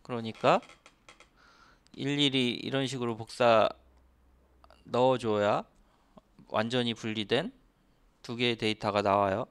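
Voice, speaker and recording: A man's voice: medium pitch, steady tone, a little slow, long pauses, a bit bright, clear, resonant tone. A man teaching a programming class step by step, asking the listener rhetorical questions as he explains. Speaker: programming instructor. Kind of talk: screen-recorded coding lecture.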